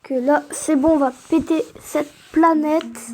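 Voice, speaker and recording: A woman's voice: sits high, fairly even intonation, takes it slowly, faint music behind. A woman casually commenting on her own gameplay, hesitant and full of fillers, often saying "hop". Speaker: YouTuber playing a mobile game.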